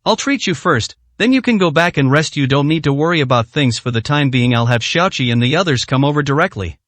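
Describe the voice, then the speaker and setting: A man voicing a cold, commanding young male boss who speaks calmly and bluntly. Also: fairly high pitch, fairly quick, no echo. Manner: calm and blunt.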